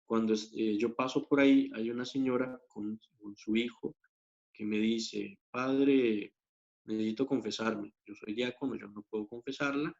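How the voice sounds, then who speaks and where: Earnest deacon telling a story. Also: male voice, lowish voice, steady tone, measured pace, gravelly, a little mellow, lo-fi sound. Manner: earnest storytelling with frequent hesitations and fillers. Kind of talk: personal faith testimony.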